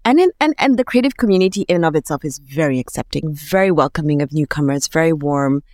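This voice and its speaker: A woman's voice: deep voice, lively intonation, fast talker, darkish tone, no echo, studio quality. A woman with a Kenyan accent speaking reflectively and expressively as an interview guest.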